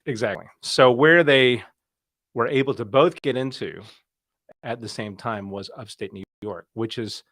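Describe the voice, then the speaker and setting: A man's voice: mid-range voice, measured pace, a bit bright, dry recording. Chatty man from South Carolina, dry sound. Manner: chatty, storytelling with acted-out quotes. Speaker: guest. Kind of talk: casual interview chat.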